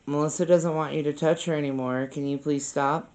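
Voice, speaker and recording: A man on a paranormal investigation, asking spirits questions aloud in a hushed, casual way. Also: on the high side, steady tone, a little fast. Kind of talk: casual ghost-hunting session. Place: old former brothel building, indoors.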